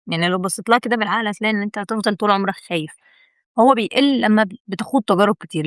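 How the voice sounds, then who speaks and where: A woman's voice: fairly high pitch, dry recording, studio quality. A young woman with an Egyptian Arabic accent, hosting her own video and giving a chatty, encouraging motivational talk straight to the viewer, repeating words for emphasis. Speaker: video host.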